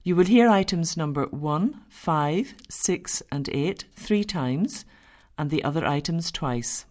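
A woman reading formal exam instructions in a measured, deliberate way. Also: sits low, animated, darkish tone. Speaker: exam announcer.

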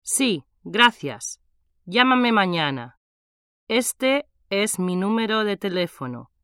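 A woman's voice: mid-range voice, very animated, slow pace, a bit bright, smooth, no echo, studio quality. A woman playing a cheerful nineteen-year-old in a scripted language-exam dialogue, carefully enunciating. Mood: casual.

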